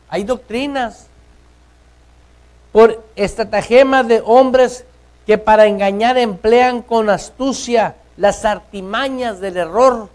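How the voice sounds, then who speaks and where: High-voiced male pastor preaching with questions. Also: low-quality recording. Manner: preaches with rhetorical questions, swings from loud to hushed. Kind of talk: sermon. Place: church.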